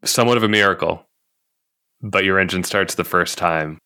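A man narrating a game scene as game master in a measured sleep-story manner, lingering over his phrases. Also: sits low, pushed and bright.

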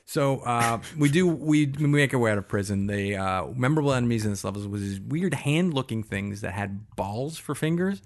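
A man talking loosely about an old video game with his co-hosts. He laughs between lines, swears for emphasis and throws in quick asides. His pitch sits in an ordinary middle range. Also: animated. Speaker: podcast co-host. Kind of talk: casual game-retrospective chat.

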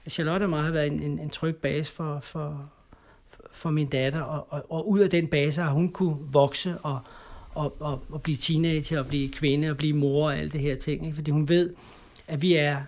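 A middle-aged man from Denmark, an interview guest, telling his personal story in conversation, halting and repeating words, ending lines with tag questions. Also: on the high side, fairly even intonation, darkish tone.

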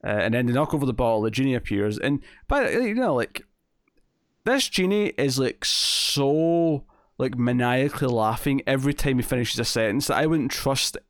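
A Scottish man talks things over in a loose, chatty way, circling back with "you know" and restarting his sentences. His voice sits at an ordinary middle pitch. The sound is close and dry, with no room around it. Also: lively intonation, normal speed, no room sound. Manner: chatty, many fillers and repeated starts. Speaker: podcast co-host reviewing an episode. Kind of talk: casual chat.

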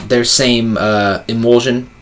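A very high man chatting casually in a slangy, sweary stoner manner. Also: steady tone, takes it slowly, a little hiss or hum. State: very high on cannabis. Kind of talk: casual chat.

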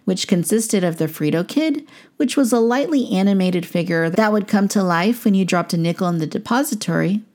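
A woman's voice: fairly low pitch, a little mellow. A woman narrator reading a scripted documentary.

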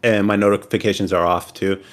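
A man's voice: lowish voice, fairly even intonation, fairly quick. A young American man hosting a casual group podcast, bantering in a slangy, swearing frat-bro way. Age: young adult. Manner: bro-heavy frat-boy slangy talk, swearing freely. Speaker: podcast host.

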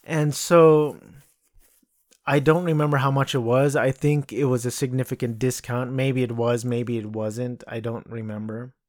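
A man's voice: medium pitch, little pitch movement, measured pace, a little mellow, dry recording, studio quality. A man hosting a casual solo podcast from a cluttered room at home. He rambles and restarts his sentences often, with plenty of filler. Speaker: podcast host. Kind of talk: casual solo movie talk.

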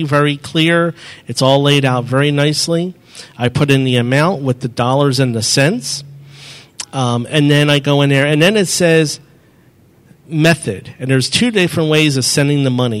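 His mid-range voice has a fairly bright tone as he presents a live demo to a meeting-room audience. Using a handheld mic, the man explains things step by step, responds to audience questions, and often revises what he just said.

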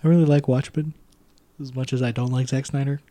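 Male co-host, rapid delivery, joking and opinionated, casual podcast banter. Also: mid-range voice, fairly even intonation, dark tone. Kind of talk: casual movie podcast chat.

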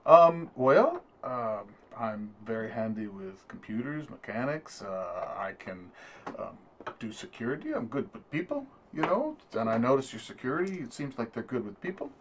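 A man's voice: mid-range voice, very animated, normal speed, slight background noise, lightly acted. A man voicing his tabletop game character, a polite job seeker, talking a bit hesitantly. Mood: hopeful.

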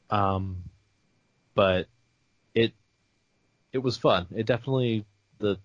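A man co-hosting a TV podcast in casual chat, halting and searching for words. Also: sits low, dry recording, poor audio. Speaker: podcast co-host.

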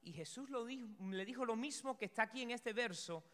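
A male pastor preaching a sermon in an animated way, acting out story scenes and sometimes shouting. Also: very high voice, a little fast. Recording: long hall reverb.

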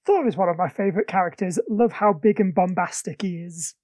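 A woman's voice: on the low side, brisk, warm tone, no room sound. A woman co-hosting a casual podcast chat about films, talking eagerly about comics. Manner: enthusiastic comics fan, chatty. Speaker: podcast co-host. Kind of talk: casual film review chat.

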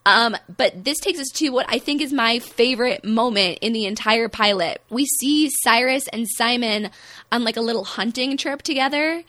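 A bright-voiced woman co-hosts a casual podcast, talking through a TV episode in a chatty, animated way. The sound is close and dry, with no room echo. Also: a little high, normal speed. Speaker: podcast co-host. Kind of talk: casual chat.

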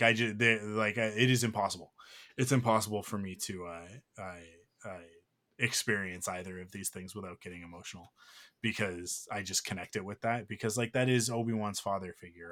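A man's voice: fairly low pitch, pushed and bright. A man hosting a podcast, talking in a rambling, heartfelt way with lots of fillers and restarts. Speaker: podcast host. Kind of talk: casual podcast chat.

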